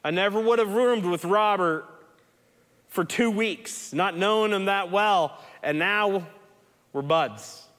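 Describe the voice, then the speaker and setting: A man's voice: high voice, takes it slowly, fairly bright tone. Man preaching in a reverberant hall. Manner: storytelling, earnest, conversational. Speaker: pastor. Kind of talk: sermon.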